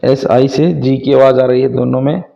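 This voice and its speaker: A man's voice: medium pitch, steady tone, moderate pace, creaky. A man teaching English phonics, spelling out words letter by letter and sounding each part patiently. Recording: dull lo-fi sound.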